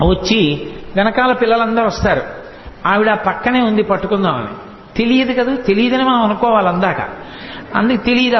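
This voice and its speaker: A man with a high voice tells a devotional story, chanting verses and acting out each character as he goes. The sound rings around a large hall with a long tail of reverb. The recording is dull and lo-fi, with a faint hum underneath. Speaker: religious discourse speaker.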